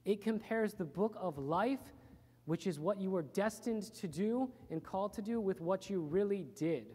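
A man's voice: sits high, moderate pace, dark tone, breathy edge. A male pastor giving an earnest, plain-spoken sermon in a church, repeating phrases for emphasis. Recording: reverberant church hall.

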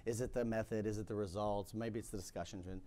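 Wearing a lapel mic on a curtained conference stage, a man in his thirties questions a guest. His voice is lowish, mellow and a bit scratchy, with fairly even intonation, and he talks fast, sounding chatty yet unsure and saying "um" constantly.

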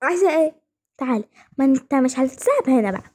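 A woman with an Egyptian accent improvising a toy-game role-play, talking in quick, bossy, teasing exchanges. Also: sits high, lively intonation, dark tone. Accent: Egyptian Arabic.

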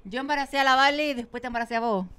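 A woman's voice: high-pitched, rapid-fire, crowd noise. A Chilean woman co-hosting a podcast, laid-back, reacting with short remarks in casual chat. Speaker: podcast co-host.

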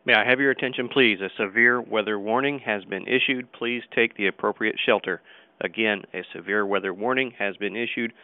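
A man making a calm, measured emergency announcement over a PA loudspeaker. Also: lowish voice, dry recording. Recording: tinny distant loudspeaker with faint noise.

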